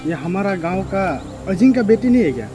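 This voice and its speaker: A man's voice: high-pitched, very animated, a little fast. A man playing a boastful village suitor. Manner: boastful, pushy. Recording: music playing underneath.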